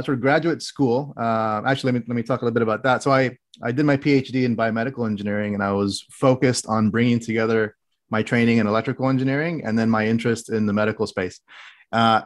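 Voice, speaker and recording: Medium-pitched and fast, this man grew up in the Middle East and appears as a podcast guest, a director in health tech. In casual interview talk he explains his engineering background in detail, using precise technical wording but restarting his phrases often and leaning on many fillers.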